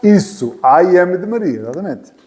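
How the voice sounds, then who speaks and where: Soft music sits in the background as a high-pitched, animated man with a darkish tone teaches English at normal speed. He's from Portugal, has a European Portuguese accent, and patiently repeats phrases with light jokes in a reverberant church hall classroom.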